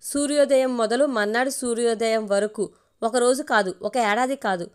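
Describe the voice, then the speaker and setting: Jealous young man in an audio story, earnest and apologetic, higher-pitched, voiced by a woman narrator in her own voice. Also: moderate pace, smooth, lightly acted. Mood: pleading.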